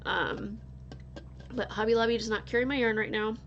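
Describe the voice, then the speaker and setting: Speaking at a normal speed in a slightly high voice with fairly even intonation, a married woman from North Dakota chats with viewers in her casual crochet vlog. She's stuffy and still getting over an illness, rambling with many restarts and laughs. The recording has its highs cut off plus a little hiss or hum.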